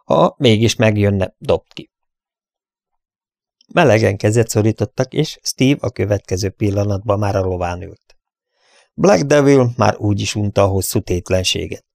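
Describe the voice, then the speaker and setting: Male audiobook narrator, low and gravelly, steady storytelling, dry close mic. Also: no echo. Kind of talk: audiobook narration of an adventure novel.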